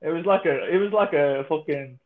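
A man's voice: on the high side, a little fast. A man in a casual group chat, talking in a rambling, repetitive, sweary way. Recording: thin phone-like online call.

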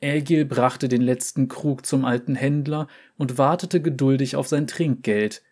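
A man narrating a fantasy story in a slow, measured reading style. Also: medium pitch, darkish tone.

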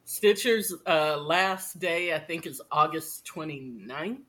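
A woman's voice: low-pitched, animated, slow pace, a bit bright. A woman in her fifties co-hosting a podcast, chatting casually and often stopping to restart her sentences. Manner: rambling, self-interrupting, chatty. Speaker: podcast co-host. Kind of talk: casual chat.

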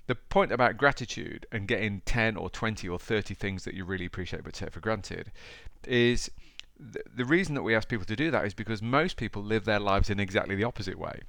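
A man's voice: lowish voice, creaky, fairly bright tone, no echo. A man with an East Midlands English accent hosting a podcast, talking informally and directly to the listener in a chatty motivational style. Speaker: podcast host.

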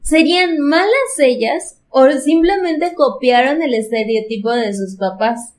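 A woman's voice: high-pitched, measured pace. Playful Mexican woman podcast host. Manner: playful, asks questions and teases. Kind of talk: casual podcast chat.

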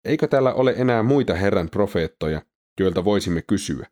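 Devout ancient king, earnest and loyal, read by a male narrator, deep voice. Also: expressive, mellow, natural voice.

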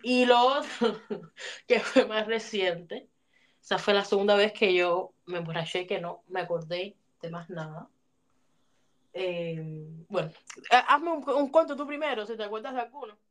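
A woman telling funny stories in a casual chat, animated and dropping English phrases in. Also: mid-range voice, a little slow. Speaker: podcast co-host.

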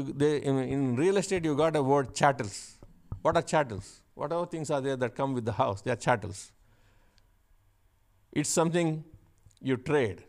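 A man preaching a sermon, shifting from chatty asides with the congregation to loud, emphatic repeated declarations. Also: mid-range voice. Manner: builds to loud emphatic repetition; conversational asides with laughs.

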